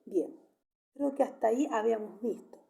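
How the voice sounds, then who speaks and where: A woman gives a grammar lesson in a slightly high, gravelly voice. Her tone is mellow and patient, and she repeats each example sentence slowly. She keeps checking that her students follow along. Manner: affectionate sign-off with a kiss. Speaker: teacher. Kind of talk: online Spanish grammar lesson.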